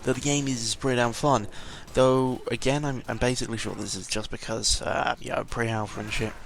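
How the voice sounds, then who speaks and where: This seventeen-year-old British vlogger has a mid-range voice with vocal fry, a flat delivery and a normal speed. He rambles through an audio log casually, hesitantly and tangentially, with mild swearing, sounding a bit sick, on a noisy home mic recording.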